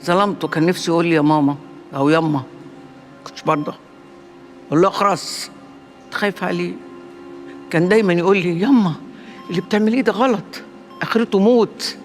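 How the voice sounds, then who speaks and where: An actress playing a fierce, sharp-tongued older matriarch in an Egyptian TV drama, speaking with an Egyptian accent. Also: female voice, fairly low pitch, a little fast, long pauses, soft background music, close to an everyday voice. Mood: grieving. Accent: Egyptian Arabic. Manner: sharp, mocking, threatening.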